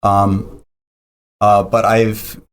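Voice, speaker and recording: A man's voice: on the low side, little pitch movement, very slow, slight background noise. A man being interviewed on a podcast, explaining technical details at length with frequent ums and restarts. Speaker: podcast guest.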